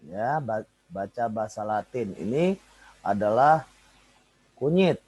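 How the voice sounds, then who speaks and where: A man's voice: lowish voice, animated, slow, darkish tone, slightly rough, dry recording, rough recording. A man, a lecturer teaching an online class and calling on students by name.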